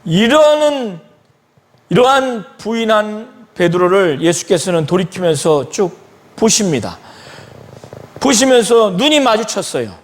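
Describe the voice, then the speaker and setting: A male pastor preaching a sermon in a church, retelling a Bible story slowly and acting out the quoted lines. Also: high voice, big pitch swings.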